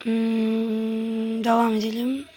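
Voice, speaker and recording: High, husky woman grumbling over gameplay. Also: completely flat delivery, takes it slowly, warm tone. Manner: grumbling, exasperated running commentary to viewers. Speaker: gaming channel host. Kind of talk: casual gameplay commentary.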